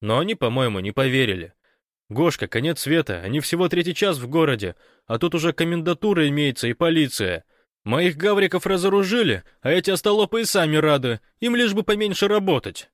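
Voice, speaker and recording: High yelling phone caller, a male reader voicing him, dry close sound. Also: lively intonation, brisk, no room sound, close to an everyday voice. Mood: agitated. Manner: loud, shouting, cheerful. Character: excitable man on a phone line, shouting news.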